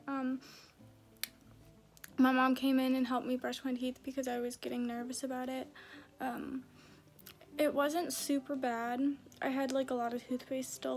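A young adult woman giving a casual video diary update, rambling hesitantly and often saying "like". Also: high voice. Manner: hesitant, filler-heavy rambling with frequent "like". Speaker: vlogger.

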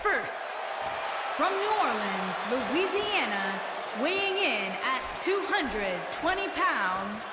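A woman ring announcer introducing wrestlers in drawn-out, booming calls. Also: very animated, heavy background noise. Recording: echoey arena with roaring crowd.

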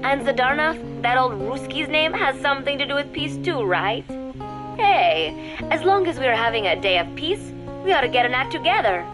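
A woman's voice: high voice, animated, moderate pace, over music, voice pushed up. A woman voicing a brash, flirtatious male soldier in a game, talking in an eager, pushy, upbeat way.

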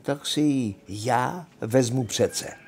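An older man reading aloud and voicing a cheerful, foolish young peasant who hollers and sings out in high bursts. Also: a little mellow, husky. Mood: eager.

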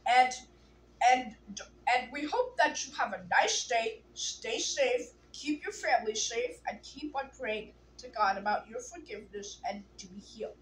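A woman reads a children's book aloud in a plain, unhurried way, sometimes restarting a word. Her voice sits a little high. A faint hiss runs under the recording. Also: low-quality recording. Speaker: storybook reader.

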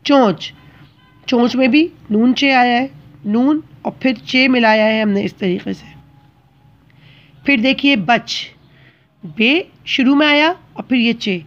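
A woman's voice: a little high, slow pace, long pauses, dull audio. A woman teacher giving a patient, step-by-step handwriting lesson to children, often checking that they follow.

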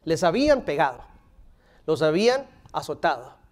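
A man in his thirties delivers a sermon from a stage in a fairly high voice. He preaches with animation, leaning into strong lines and then falling to hushed, intimate phrases. The room mic picks him up from across the stage. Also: normal speed. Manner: animated preaching, dropping to near whispers for emphasis. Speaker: pastor. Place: stage in front of a curtain, indoors.

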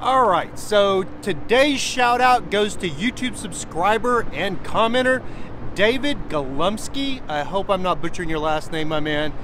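A man in his forties chatting casually to viewers outdoors on a quiet road, filming himself with a handheld camera at arm's length. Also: high voice. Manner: relaxed and chatty, talking to viewers. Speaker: vlogger. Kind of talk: casual vlog. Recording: faint outdoor traffic noise.

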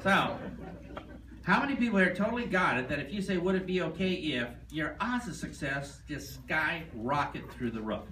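Animated male trainer in a roomy hall. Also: a little high, moderate pace. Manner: animated, quizzes the audience, tells stories. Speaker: sales trainer. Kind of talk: live seminar lecture. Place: seminar room. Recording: roomy and distant with faint noise.

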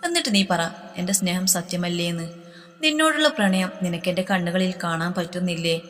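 Woman reads a pleading young male lover in a storybook reading, lowish pitch, reverb-heavy. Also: normal speed, a bit bright, natural voice. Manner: earnest, pleading. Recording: long reverb.

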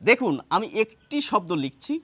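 High, lively male teacher. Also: breathy edge, no room sound. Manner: explains step by step, asks rhetorical questions; repeats words slowly to show pronunciation. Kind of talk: lesson.

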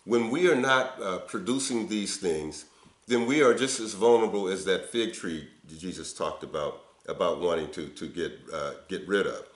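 A man's voice: low voice, normal speed, reverberant. An older man preaching a sermon in an earnest, conversational way, recorded on a webcam in an indoor office. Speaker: pastor. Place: indoor office before window blinds.

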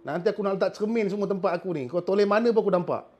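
High-voiced Malaysian healer scolding a spirit. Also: male voice, very fast, warm tone. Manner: scolding, coaxing and threatening in turn. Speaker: traditional healer. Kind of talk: talking to a spirit during a healing session.

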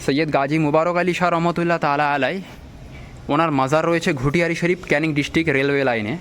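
Softly spoken man, noisy recording. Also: a little high, steady tone. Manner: deliberately hushed, speaking softly in a cemetery. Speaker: vlog host and guide. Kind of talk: walking-tour vlog narration for viewers. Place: outdoors in a cemetery. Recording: clearly noisy on-location ambient sound.

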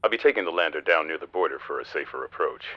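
An actor playing a steady, pragmatic spaceship captain, giving serious military briefings in a scripted game. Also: male voice, extremely low pitch, quick pace, muffled recording. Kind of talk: scripted game mission dialogue.

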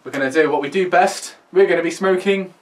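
A man's voice: high voice, quick pace. Young British man, distant mic. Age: 20s. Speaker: co-host of a pipe tobacco review video. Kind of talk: casual, bantering review chat. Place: small indoor room. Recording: distant mic, faint room noise.

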